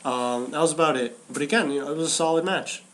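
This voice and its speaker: Wrestling is the topic for this podcast co-host, whose voice is on the high side and a bit bright. He talks quickly and casually with plenty of animation, often restarting and repeating phrases.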